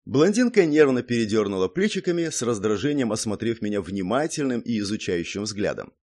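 A man narrating a first-person audiobook with an expressive reading. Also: on the low side, fairly quick.

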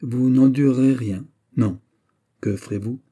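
A dignified queen mother scolding in a raised, husky voice, as a man puts her on in an audiobook. The tone stays dark and mellow under the stern, admonishing delivery. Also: medium pitch, unhurried, voice pushed up, close to an everyday voice. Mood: reproving. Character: proud, reproving queen mother. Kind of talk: audiobook character voice.

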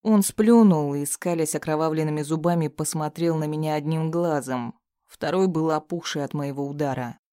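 A man's voice: a little high, moderate pace, warm tone, no echo, clean studio sound. A man narrating a first-person audiobook in a tense, grim manner.

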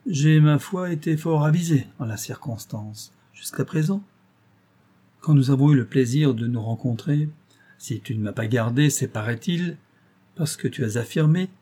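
A man's voice: mid-range voice, warm tone, slightly rough, lightly acted. A man voicing a gloating, cruel master criminal in an audiobook, taunting and menacing. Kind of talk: audiobook reading.

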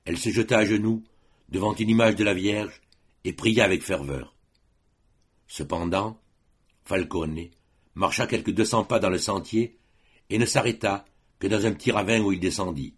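Deep, husky man reading a classic story. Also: moderate pace, pauses often. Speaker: audiobook reader.

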